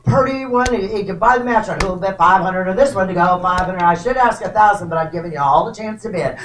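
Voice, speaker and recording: A woman auctioneer runs a live sale, rolling numbers over and over in a steady bid-calling chant. She breaks it with casual asides to the bidders. Her voice rings through an echoey hall and sits away from the microphone. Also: lowish voice. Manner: rapid repetitive number chanting with chatty asides. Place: large indoor room at a live auction. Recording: echoey hall, distant from the mic.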